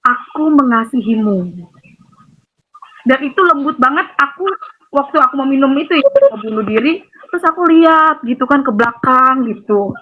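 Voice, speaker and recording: A woman giving an emotional personal testimony over a phone call, rambling and animated with many fillers. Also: high-pitched, brisk. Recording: tinny phone line with faint noise.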